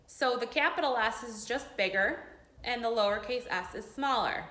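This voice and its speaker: A woman teaching young children like a kids show host, encouraging and sing-song, pausing for them to answer. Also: a little high, pushed and bright, echoey room. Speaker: early grade school teacher leading a remote morning class. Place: indoors at a school.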